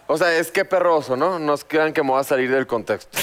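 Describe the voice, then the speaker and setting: A man's voice: a little high, fairly quick, fairly bright tone, slight background noise. A man with a Mexican accent telling a crude anecdote in casual, profane chat. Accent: Mexican Spanish. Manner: storytelling, profane. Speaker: podcast co-host.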